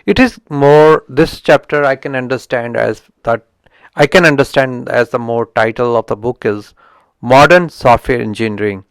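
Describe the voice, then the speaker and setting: Medium pitch, a clean tone and no room sound mark this middle-aged man from India, a channel host giving an unscripted book review. Speaking English as a non-native with an Indian accent, he is halting and frequently restarts and self-corrects.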